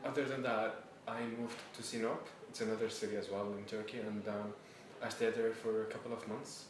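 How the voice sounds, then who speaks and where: A Syrian student in his early twenties answers interview questions hesitantly, with many fillers. His lowish voice is steady in tone and brisk. The recording has an echoey room, a distant mic, and background noise.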